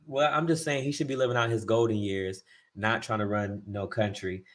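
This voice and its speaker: A man's voice: lowish voice, steady tone, normal speed. A man co-hosting a casual talk show, giving his opinions and speeding up as he rants. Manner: opinionated, speeds up when ranting. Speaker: podcast co-host.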